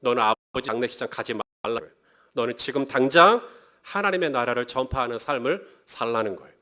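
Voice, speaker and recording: A male pastor preaching a sermon, speaking conversationally, asking the congregation rhetorical questions and reading scripture aloud slowly. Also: medium pitch, lively intonation, pushed and bright. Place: church sanctuary.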